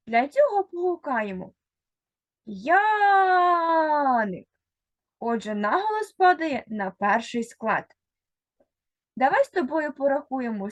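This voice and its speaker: A woman teacher leads a reading lesson for first graders, sounding words out one by one at an unhurried pace. Her voice sits fairly high and swings up and down a great deal as she addresses a single child and waits for replies. The sound is dry and close. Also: dry recording. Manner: speaks directly to one child, pausing for answers. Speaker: primary school teacher.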